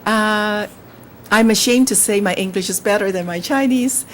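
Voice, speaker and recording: She's a Hong Kong writer with Cantonese as her first language, guesting to read a passage from her novel and respond to interview questions. Her mid-range voice is measured, animated while reading and halting with fillers while speaking freely. Some hiss or hum runs underneath.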